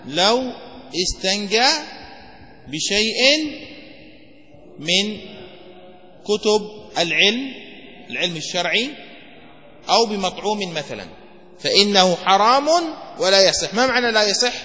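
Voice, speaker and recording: Male jurisprudence teacher, high voice, drilling students by rote, recorded in a reverberant hall. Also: animated, sharp tone. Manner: asks questions and answers them himself, repeats key phrases to memorize; dictates phrases slowly word by word. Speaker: sheikh teaching Shafi'i jurisprudence. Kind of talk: classroom fiqh lesson.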